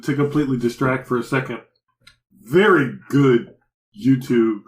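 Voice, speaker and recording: A man's voice: mid-range voice, measured pace, slight background noise. Rambling man in an echoey room. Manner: rambling, animated retelling of scenes. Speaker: podcast co-host. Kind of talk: casual chat about anime. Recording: roomy echo.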